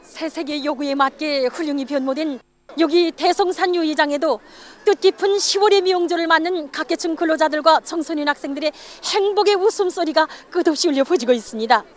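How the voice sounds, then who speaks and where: A woman's voice: high voice, brisk. A woman with a North Korean accent reporting and interviewing formally as a field reporter.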